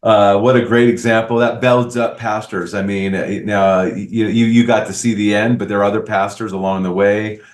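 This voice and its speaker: Male podcast host, measured pastoral tone, low voice, roomy echo. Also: flat delivery. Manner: measured, gives pastoral advice. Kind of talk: interview conversation.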